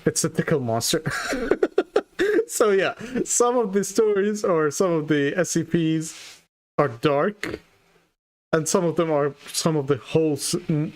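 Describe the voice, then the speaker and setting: Halting, rambling male streamer. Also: a little high. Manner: halting, rambling, repeats himself. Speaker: streamer reacting to videos. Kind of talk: casual live-stream chat.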